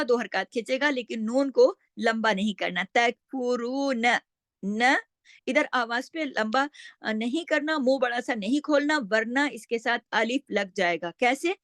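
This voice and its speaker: A woman with a fairly high voice teaches Quran recitation in a calm, step-by-step lesson. She patiently explains each sound and demonstrates it herself. Her voice is close and dry, with no room echo.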